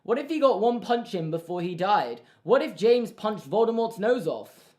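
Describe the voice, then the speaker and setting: A man talking quickly and sarcastically in a chaotic comedic vlog. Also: high voice, big pitch swings, darkish tone. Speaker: YouTuber. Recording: roomy with music behind.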